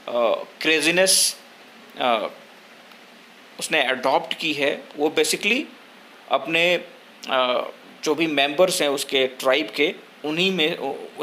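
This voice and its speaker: A young man, explaining a story line by line in a lesson, pausing often with fillers. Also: on the high side, pushed and bright, a little hiss or hum. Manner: slow, hesitant explaining with frequent filler pauses. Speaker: teacher.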